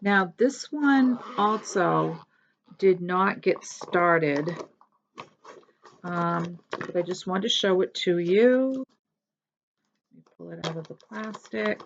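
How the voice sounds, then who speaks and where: A woman talks slowly and casually in a lowish voice, showing her stitching projects. She rambles and corrects herself often. The sound is dull and lo-fi. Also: lively intonation, gravelly, slight background noise. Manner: chatty, rambling, self-correcting. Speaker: cross-stitch vlogger. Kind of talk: casual show-and-tell chat.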